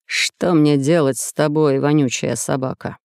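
A reader doing a stern, low-voiced sultan. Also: male voice, fairly even intonation, vocal fry, darkish tone, smooth, no echo, studio quality. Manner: low, slow and severe. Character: stern commanding middle-aged male sultan.

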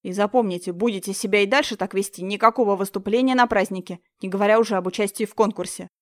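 A woman's voice: mid-range voice, fast, no room sound, studio quality, lightly acted. A woman reading an audiobook, voicing a strict young choir teacher who scolds her pupils firmly. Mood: stern. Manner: stern, scolding.

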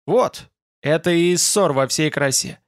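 A man's voice: fairly high pitch, a little slow, no echo, studio quality. A man voicing a cocky, boastful companion. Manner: brash and boastful.

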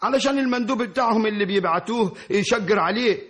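An actor playing a deferential, talkative servant giving testimony, with an Egyptian accent, in a radio drama. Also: male voice, high voice, fast talker, fairly bright tone, husky. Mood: eager. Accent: Egyptian Arabic. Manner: eager, deferential. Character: Eisawy, a talkative servant witness.

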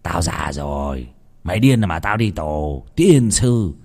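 A man voicing a gruff older village sorcerer who scolds and curses bluntly. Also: low voice, sing-song, takes it slowly, darkish tone, voice pushed down, full character voice.

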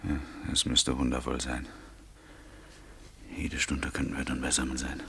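Laurent, very deep and gravelly. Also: male voice, completely flat delivery, measured pace, full character voice. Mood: anxious. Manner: nervous, hushed whispering. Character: young male lover, nervous, cautious, ardent. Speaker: actor in a radio play. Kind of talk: German radio drama acting.

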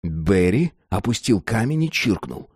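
Man narrating a story, lively voice. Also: fairly low pitch, a little slow, husky, dry recording, clean studio sound. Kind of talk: scripted narration.

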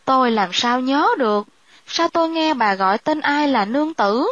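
A woman's voice: high-pitched, lively intonation, moderate pace, fairly bright tone, dry recording, muffled recording. A woman voicing a haunted, fretful middle-aged provincial wife. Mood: alarmed. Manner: anxious, fretful.

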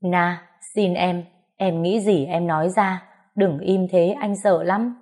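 A man's voice: high-pitched, fairly even intonation, takes it slowly, exaggerated voice. A woman voicing a pleading young husband. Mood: begging. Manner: begging, soft and pleading.

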